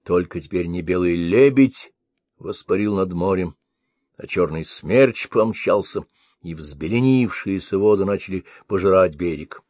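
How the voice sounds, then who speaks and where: A man narrating an old folk-style tale in a measured, expressive storytelling cadence. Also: low voice, dry recording.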